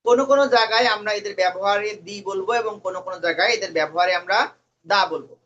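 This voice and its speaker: A man's voice: high-pitched, fast, sharp tone. A man teaching an English lesson, quizzing his students and mixing English words into his talk. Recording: dull lo-fi recording.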